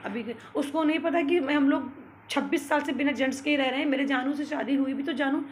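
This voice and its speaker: A woman's voice: high-pitched, fairly quick, a little hiss or hum. A woman vlogging from her home under renovation, ranting with indignation and laughing as she tells her story. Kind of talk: casual vlog talk.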